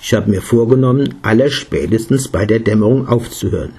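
A man voicing a young Galilean pupil who stammers and protests earnestly, in a slightly husky voice. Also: lowish voice, a little fast, a little mellow. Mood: protesting. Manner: stammering, flustered.

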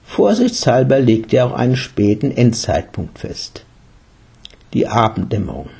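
A man narrating an audiobook in a calm, measured and unhurried way, with a husky voice. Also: mid-range voice.

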